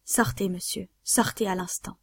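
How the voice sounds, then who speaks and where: A woman's voice: medium pitch, fairly even intonation, normal speed, vocal fry, slightly rough, dry recording, clean studio sound. A woman voicing a frightened but defiant young woman who answers sharply and with scorn, in a read-aloud story.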